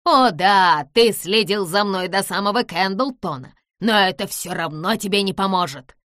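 A woman voicing a vengeful, gloating little old man who shouts and cackles in an audiobook. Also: mid-range voice, moderate pace, no room sound, clean studio sound, close to an everyday voice.

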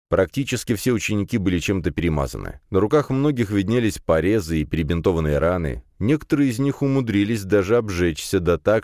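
A man's voice: low voice, a little mellow, no room sound, studio quality. A man reading an audiobook in the first person, with a wry, grumbling delivery. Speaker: audiobook narrator.

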